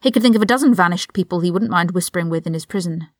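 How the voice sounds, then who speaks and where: A woman narrating a story aloud in a steady, measured way. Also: fairly low pitch, no echo, clean studio sound. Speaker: podfic reader. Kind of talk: scripted narration.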